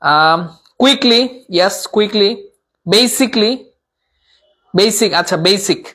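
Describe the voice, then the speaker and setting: Husky male teacher drilling grammar. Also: high voice, slow pace, bright, forceful tone. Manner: drills by repeating terms and answering his own questions; mixes English words into his talk. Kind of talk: live online exam-prep class.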